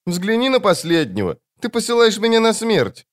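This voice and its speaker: An eerie child-voiced smoke demon. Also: male voice, moderate pace. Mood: sad. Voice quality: childlike high voice. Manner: quiet, eerily calm.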